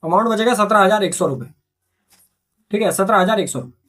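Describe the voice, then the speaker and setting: In a fast, high-pitched voice with a fairly bright tone, a man guides listeners through accountancy journal entries one step after another. His style is repetitive, full of self-posed questions he answers and frequent "theek hai."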